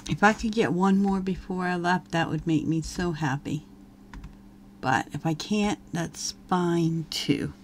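Unhurried woman chatting through a game. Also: on the low side, a little hiss or hum. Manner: chatty, talks to her game characters. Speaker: let's play host. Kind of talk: casual gameplay commentary.

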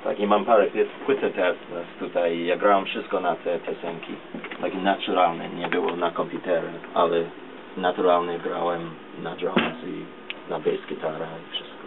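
Low-voiced young man, halting. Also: flat delivery. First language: English. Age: 20s to 30s. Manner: halting, searching for words, mixing in English. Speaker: musician guest. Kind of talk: casual interview. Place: small radio studio, indoors. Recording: dull distant lo-fi camera recording, clear noise.

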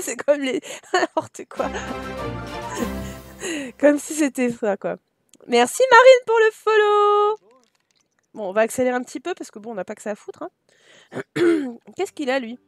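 A French woman from France streams a life-sim game live, chatting with her viewers and talking fondly to her characters. She sometimes switches into halting, French-accented English. Her voice is high, and there is no room sound.

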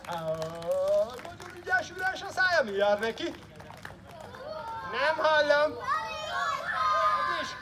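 A man working as a children's party entertainer, loudly calling out games and cheering on a crowd at an outdoor event. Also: very high-pitched. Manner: loud, excitable, calls out commands and cheers the crowd on. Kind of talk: hosting games at a live outdoor kids' event. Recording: distant mic at a noisy outdoor event with loud music.

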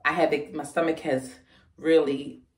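Woman, casual vlogger, lowish voice, short of breath, chatty; recorded from a distance in an echoey room. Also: steady tone, measured pace, darkish tone. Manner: chatty, addresses viewers as y'all. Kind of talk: casual pregnancy update vlog. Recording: roomy sound, voice away from the mic.

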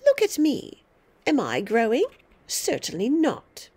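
A woman's voice: high-pitched, wildly swooping pitch, takes it slowly, a little mellow, breathy edge, pitched above the performer's own voice, full character voice. A woman voicing a tiny, bossy, mean old grandmother who scolds and snaps with gloating emphasis in a storybook reading. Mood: scornful, boasting.

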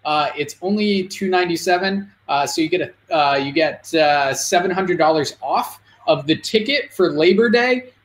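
A man's voice: on the high side, normal speed, hardly any pauses. Salesy male host, echoey room. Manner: salesy, many "uh" fillers. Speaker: podcast host. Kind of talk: promotional pitch and interview questions. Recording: roomy echo.

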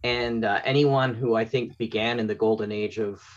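This is a middle-aged Canadian audio drama producer, appearing as an interview guest on a video call and recounting stories in easygoing conversation. He speaks at a normal speed with a fairly low pitch and fairly even intonation. The setting is a small home room with bookshelves, and the recording is dull.

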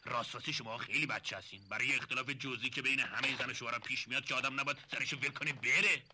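Sly scheming relative, coaxing, confiding, hushed, very bright tense tone. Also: male voice, medium pitch, steady tone, slight background noise. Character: sly, smooth-talking older relative stirring up trouble. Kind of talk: 1970s TV drama acting.

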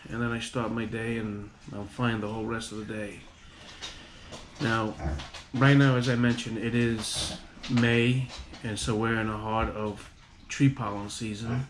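A man vlogging casually about a home remedy, rambling with halting restarts and fillers. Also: fairly low pitch, little pitch movement. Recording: audible background noise.

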